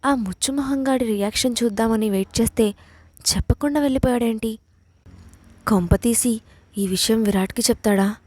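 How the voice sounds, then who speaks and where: A woman voicing a sharp-tongued young college woman who speaks curtly and scornfully in an audio story. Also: a little high, normal speed, pauses often, no room sound, close to an everyday voice. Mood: worried. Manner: curt and scornful.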